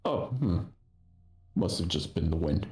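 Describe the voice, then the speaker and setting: A man's voice: low voice, expressive, unhurried, darkish tone, voice pushed down. A man voicing a wary, mild adventurer in a tabletop game, hesitant and wry. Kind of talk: tabletop role-play. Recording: roomy, echoing indoor sound.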